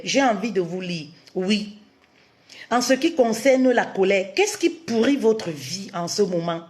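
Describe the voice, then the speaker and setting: A woman relationship coach giving a live-streamed talk, cutting in with emphatic affirmations and posing many rhetorical questions to her listeners. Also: medium pitch. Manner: addresses listeners warmly as "my queens", repeats key phrases.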